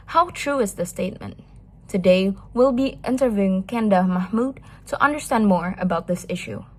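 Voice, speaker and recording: Husky-voiced woman hosting an interview. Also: mid-range voice. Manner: measured, formal, reads prepared lines. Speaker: interviewer, host. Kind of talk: scripted introduction and interview questions.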